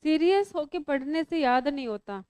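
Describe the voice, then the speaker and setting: A woman's voice: sits high, lively intonation, moderate pace, dark tone, dry recording. A woman teaching biology to a class, asking students questions and teasing them as she explains. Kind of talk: classroom lecture.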